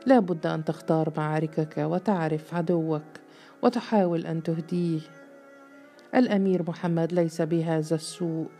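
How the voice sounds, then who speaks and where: A woman voicing a patient older sheikh who calmly counsels endurance. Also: a little high, moderate pace, faint music behind, lightly acted.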